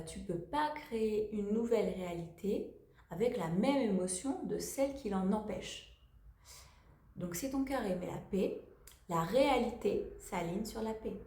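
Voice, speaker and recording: A woman speaks as a spiritual coach in a casual motivational talk, addressing the listener directly in a familiar, slangy way. Her voice sits at a middle pitch. The room gives it a noticeable echo. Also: darkish tone.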